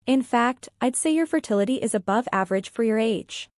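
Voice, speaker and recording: A woman's voice: on the high side, lively intonation, a little fast, a little mellow, dry recording, clean studio sound, close to an everyday voice. A woman narrator voicing a reassuring elderly male doctor in a story, formal and matter-of-fact. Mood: clinical, reassuring.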